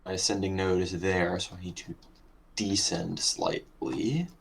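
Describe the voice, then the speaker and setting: A man's voice: low-pitched, steady tone, a little slow, gravelly, a little hiss or hum. A man in casual chat over an online game, dry and matter-of-fact with a teasing streak. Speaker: gamer playing online with a friend.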